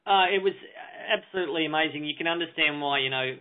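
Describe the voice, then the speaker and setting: A man with an Australian accent, talking in an easygoing, relaxed way as a guest in a casual interview. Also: a little high, fast. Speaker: travel company guest. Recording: tinny phone line.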